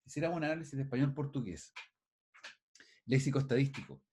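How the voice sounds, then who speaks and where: A man's voice: medium pitch, expressive, quick pace, a little mellow, a little hiss or hum. A male teacher giving an online class over a video call, thinking aloud with frequent restarts and putting questions to his students.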